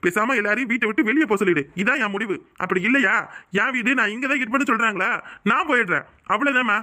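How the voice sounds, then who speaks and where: Brief: a betrayed cartoon head of the house, Kanyakumari Tamil accent, lecturing and bitter, very high and quick. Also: male voice, pushed and bright, heavily acted. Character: angry betrayed elder brother, middle-aged man. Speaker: head of the family. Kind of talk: cartoon voice acting.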